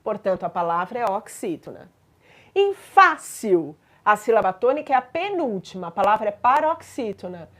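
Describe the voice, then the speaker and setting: A woman's voice: mid-range voice, lively intonation, a little fast. A woman teaching grammar in a patient explanatory lesson, spelling out examples and checking in with listeners.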